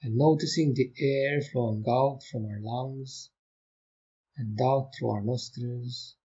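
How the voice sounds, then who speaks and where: A man leading a guided meditation, giving gentle, calm instructions with long unhurried pauses. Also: mid-range voice, breathy edge, lo-fi sound. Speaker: meditation teacher.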